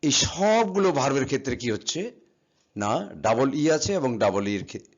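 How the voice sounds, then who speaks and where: The recording is a bit dull and lo-fi: a man with a medium-pitched, very animated voice teaches a classroom grammar lesson on verb forms at a fairly quick pace. He patiently spells words letter by letter, asking questions and answering them himself.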